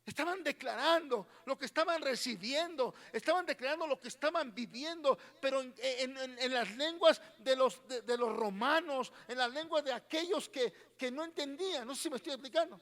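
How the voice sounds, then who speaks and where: A man's voice: very high-pitched, moderate pace, hardly any pauses, a bit bright, big-room sound. A man with a Mexican Spanish accent preaching a sermon as pastor, constantly questioning his congregation and repeating his words. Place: church hall.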